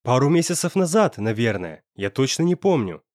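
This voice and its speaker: Brief: insistent young lover in an audiobook, voiced by a man, emphatic and animated. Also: mid-range voice, normal speed, dry recording, clean studio sound. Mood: passionate. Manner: pressing, emphatic. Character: possessive young man, hot-tempered and insistent.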